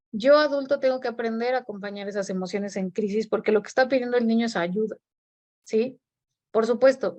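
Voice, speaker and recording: A woman's voice: a little high, darkish tone. Woman explaining parenting, lo-fi. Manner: explanatory, frequent rhetorical checks. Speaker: speaker on parenting. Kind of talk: webinar talk. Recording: muffled lo-fi audio.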